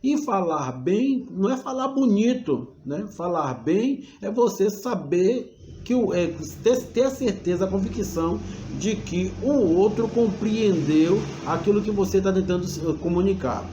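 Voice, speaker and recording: A man's voice: sits high, lively intonation, unhurried, echoey room, noisy background. A man teaching a class on preaching in a preacherly way, calling his listeners brothers and shifting his tone and pace. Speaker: homiletics teacher. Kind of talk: recorded class lecture.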